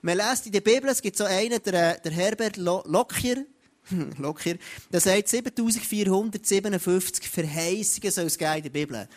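A man's voice: high voice, brisk. A man preaching a sermon, speaking straight to his listeners and often starting over with "hey, schau". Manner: addresses listeners directly with repeated "hey, schau" and frequent restarts.

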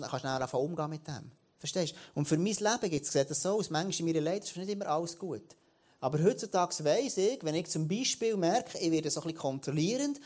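Man, late 30s, church leader giving a sermon, animated delivery with frequent restarts. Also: a little high.

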